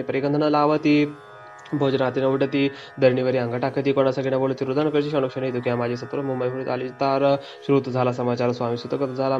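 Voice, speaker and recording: Flat-voiced man reciting devotional scripture. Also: medium pitch. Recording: dull lo-fi recording with faint music.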